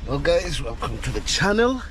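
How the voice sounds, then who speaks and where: A middle-aged man chatting slowly and casually to viewers while driving home through city traffic, filmed on a camera mounted in his car. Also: on the high side. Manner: slow, relaxed, repetitive chat to viewers. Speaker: vlogger. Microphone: action camera mounted in the car. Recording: loud road and car noise.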